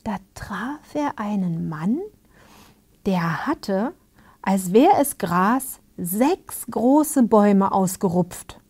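Slow whispering woman telling a fairy tale. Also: mid-range voice, animated, breathy edge. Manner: hushed and soothing, invites listeners to get comfortable. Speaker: storyteller.

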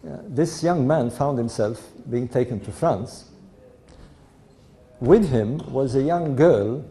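An older Egyptian man with a blended European-Egyptian accent tells an audience his family story in a storytelling talk, unhurried and anecdotal, chuckling at times. His voice is medium-pitched, gravelly, and mellow.

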